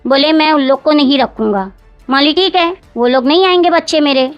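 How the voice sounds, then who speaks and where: A woman speaking gives a long account in an interview. Her voice sits high, and she circles back, repeats herself and quotes others word for word. Faint music plays behind her. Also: brisk, dry recording, muffled recording. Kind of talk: recounting events in an interview.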